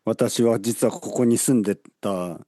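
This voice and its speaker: A man co-hosting a podcast in casual chat, relaxed and chuckling at himself. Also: lowish voice, measured pace, no room sound, studio quality. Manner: relaxed, chuckling, self-deprecating. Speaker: podcast co-host and teacher.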